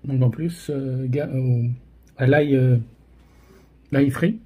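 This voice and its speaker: Halting Frenchman, mouth burning from spicy food. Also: medium pitch, fairly even intonation, warm tone, husky. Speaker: host of a hot sauce tasting challenge. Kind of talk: casual commentary while tasting.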